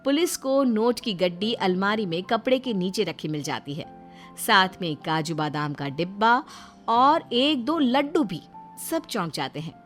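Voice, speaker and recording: A woman giving scripted narration of a family cartoon story in a plain, even telling voice. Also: medium pitch, measured pace, faint music behind.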